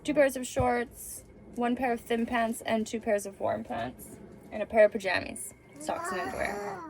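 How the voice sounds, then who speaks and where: A young mother of two small children vlogs at home, chatting casually and thinking aloud while busy with a task. Her voice is a little high and animated at a normal speed, and the noisy home recording has clicks and crowd noise.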